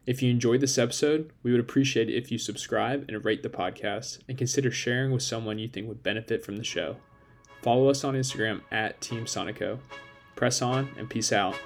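Gravelly-voiced podcast host signing off. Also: male voice, mid-range voice, brisk, soft background music. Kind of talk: podcast outro.

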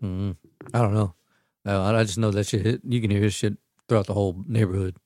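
A man with a fairly low voice chats loosely among friends. He rambles and restarts, swearing as he goes. The recording is dry and close. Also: steady tone, quick pace, darkish tone, no room sound. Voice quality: profane, rambling. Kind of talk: casual chat.

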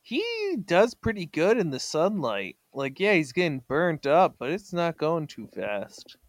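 A man's voice: fairly high pitch, big pitch swings, unhurried, dry recording. A man co-hosting a casual comic book club podcast, joking and enthusiastic about the panels. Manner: joking, enthusiastic, looks facts up mid-chat. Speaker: podcast co-host.

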